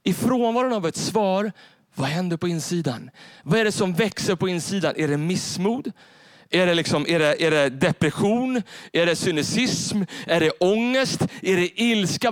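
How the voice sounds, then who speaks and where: A man preaching a sermon from a church stage, animated and repeating his key phrases straight to the congregation. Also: high voice, no echo. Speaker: pastor.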